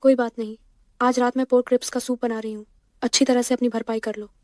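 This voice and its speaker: A woman's voice: on the high side, little pitch movement, quick pace, no room sound, studio quality, close to an everyday voice. A woman dubbing a cheerful, talkative young woman who poses as a girlfriend. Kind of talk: dubbed drama acting. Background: soft background music.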